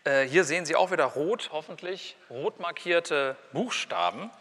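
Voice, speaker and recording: A man lecturing at a university in a bright, ringing voice with a casual, wry delivery. He breaks off to say example words aloud and show how they sound. The sound carries the long reverb of a lecture hall. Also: on the high side, expressive, moderate pace. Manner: conversational, wry asides, demonstrates pronunciations aloud.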